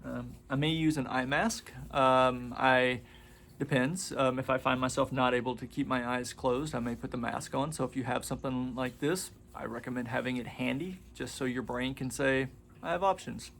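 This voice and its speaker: Gravelly-voiced man in his forties. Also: mid-range voice, fairly even intonation, a bit bright, a little hiss or hum. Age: 40s. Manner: rambling, conversational, with frequent pauses. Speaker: massage and meditation instructor. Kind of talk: casual spoken introduction to guided relaxation. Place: room with a padded floor mat.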